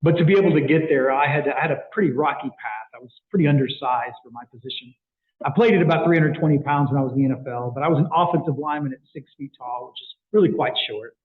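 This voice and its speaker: Brief: middle-aged male speaker, fast, animated storyteller, higher-pitched, tinny echoey room sound. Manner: animated storyteller with frequent fillers and restarts. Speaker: guest speaker for a sports outreach ministry. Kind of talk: storytelling speech to a club.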